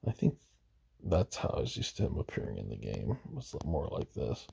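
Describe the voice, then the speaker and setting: Deep gravelly man, rambling game talk. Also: huge pitch swings, normal speed, mellow. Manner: rambling, hesitant, self-correcting. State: losing his voice. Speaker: gaming video host. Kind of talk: casual gameplay commentary.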